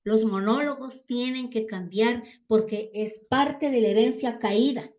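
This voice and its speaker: A woman's voice: on the high side, unhurried, a little mellow. A woman giving a Bible teaching talk, constantly checking in with the listeners through rhetorical questions. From Ecuador. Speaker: church teacher. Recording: dull lo-fi sound.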